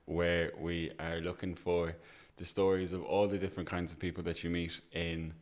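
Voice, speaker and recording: A man's voice: low-pitched, little pitch movement, moderate pace. A man hosting a casual interview, talking in an informal, discursive way and checking that he is being followed. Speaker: podcast host.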